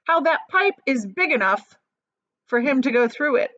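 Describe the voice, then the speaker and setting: A plain-spoken father in a children's storybook, voiced by a woman reader. He sounds mildly indignant and emphatic, in a fairly high, animated voice. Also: normal speed, dry recording, lo-fi sound. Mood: matter-of-fact.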